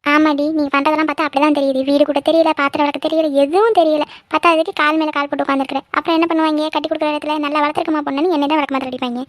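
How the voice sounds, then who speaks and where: A sharp-tongued village mother nags without pause in a cartoon, voiced by a woman. The voice sits high and rattles along fast. The sound is close and dry. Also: fairly even intonation, dry recording, natural voice. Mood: scolding. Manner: nagging, fast scolding. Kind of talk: cartoon voice acting.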